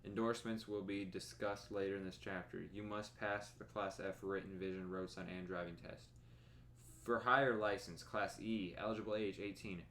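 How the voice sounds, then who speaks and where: A young man streaming from his bedroom, reading a driver's manual aloud in a plodding monotone with tired asides. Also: on the low side, normal speed, a little hiss or hum. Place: bedroom at home.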